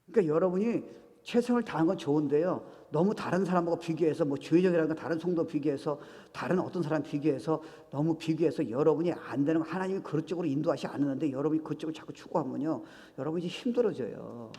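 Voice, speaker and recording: A man's voice: a little high, quick pace, few pauses. A male pastor preaching a sermon, telling stories with acted-out dialogue and dropping English phrases into his talk. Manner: animated storytelling, acts out dialogue, mixes English phrases. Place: church sanctuary. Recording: reverberant church sanctuary.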